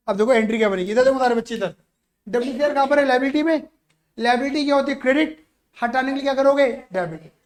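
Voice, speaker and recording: Male teacher, very high voice, animated classroom style, checks in with students nonstop. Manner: keeps asking students "yes or no" to check understanding; animated, acts out little stories to explain. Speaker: commerce teacher. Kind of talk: classroom-style accounting lesson.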